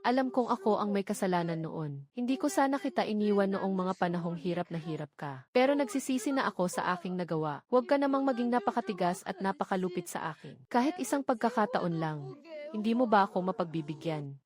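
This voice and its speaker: A woman's voice: mid-range voice, lively intonation, a little fast, close to an everyday voice. A woman dubbing several characters in a drama, pleading and accusing with emotion. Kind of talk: Tagalog drama dub.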